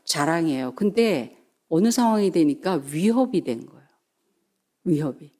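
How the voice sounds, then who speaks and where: A middle-aged woman pastor preaching a sermon, telling the story in a lively way and acting out the voices of its people. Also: low voice, normal speed. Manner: animated storytelling, acts out quoted voices.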